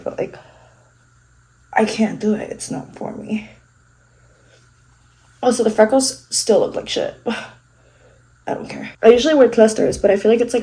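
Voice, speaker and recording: A woman's voice: fairly high pitch, a little mellow, poor audio. A congested young woman filming a casual makeup vlog at home, rambling and joking about herself with casual swearing. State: congested, sniffling. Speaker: vlogger. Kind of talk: casual get-ready-with-me chat.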